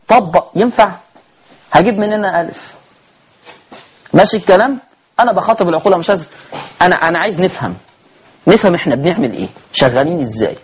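Egyptian man, high voice, tajweed teacher who quizzes his students with rhetorical questions and chants verses slowly. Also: husky. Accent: Egyptian Arabic. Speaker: Quran recitation teacher. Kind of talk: tajweed lesson.

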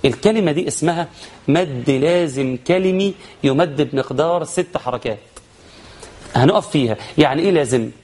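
A man with an Egyptian accent teaching Quran recitation rules, explaining quickly and then chanting verses slowly. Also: fairly high pitch, a little mellow. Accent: Egyptian Arabic. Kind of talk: tajweed lesson with chanted examples.

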